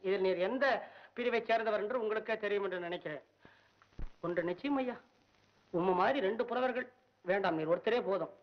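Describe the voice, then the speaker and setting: A man's voice: fairly quick, long pauses, close to an everyday voice. An actor playing a poor, anxious male poet in a 1960s film, whining and frantic. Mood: cheeky. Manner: frantic, whiny, jumps between high and low. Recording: dull old film soundtrack.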